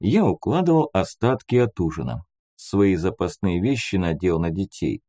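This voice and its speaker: Male audiobook narrator, warm dark tone, animated swings in his reading. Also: deep voice, normal speed, dry recording, clean studio sound. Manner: first-person storytelling, lively intonation. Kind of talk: scripted narration.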